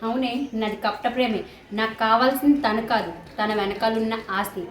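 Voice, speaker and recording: A scheming young woman who throws down a taunting challenge, played by a woman rehearsing a scene. Her high voice rings with room echo, calling someone's bluff in a short amateur film. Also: fairly even intonation, moderate pace, lightly acted.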